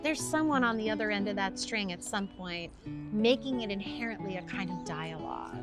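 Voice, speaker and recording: A middle-aged woman talks in an interview outdoors, reflective and unhurried. Her voice sits at an ordinary pitch. A loud music bed plays beneath her. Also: animated. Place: outdoors in a city plaza. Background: loud background music.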